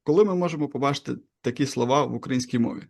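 A male interviewer with a gravelly, creaky voice talks casually. He asks curious questions and adds his own stories. His voice sits at a middle pitch. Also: rapid-fire. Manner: casual, curious, shares personal anecdotes. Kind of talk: conversational interview.

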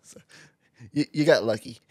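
A man's voice: medium pitch, moderate pace, darkish tone, breathy edge, no echo. Playful young man, dry close voice. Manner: playful, self-deprecating. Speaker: host, husband. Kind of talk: casual couple chat.

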